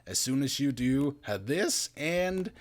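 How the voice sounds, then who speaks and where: A man with a tired voice doing casual gameplay commentary as a video host, getting excitable as he shows off his builds. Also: medium pitch, slow. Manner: excitable, laughs and exclaims while playing. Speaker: gaming YouTuber.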